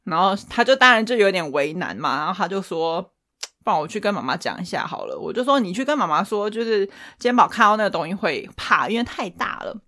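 Animated, fast-talking Taiwanese woman. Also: medium pitch. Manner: animated storytelling, laughs often. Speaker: podcast co-host. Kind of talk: casual chat.

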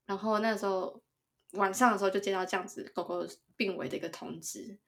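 A woman's voice: mid-range voice, fairly quick. A woman co-hosting a podcast, telling stories in casual chat with lots of giggling. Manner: giggly, animated storyteller. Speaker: podcast co-host.

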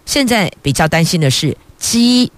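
A woman's voice: lowish voice, expressive, normal speed, dry recording. A middle-aged woman with a Taiwanese Mandarin accent, a radio news host reading headlines and adding chatty, playful asides to listeners.

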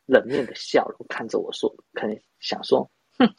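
This podcast host, a young man from Taiwan, mocks himself through a meandering story, frequently starting over and laughing along the way. His mid-range voice is gravelly and husky at an ordinary speed, captured on a rough recording with no room sound.

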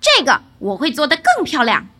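Lady putting on a loud cocky young guy, fearless, quick and high. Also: huge pitch swings, exaggerated voice. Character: brash fearless young man.

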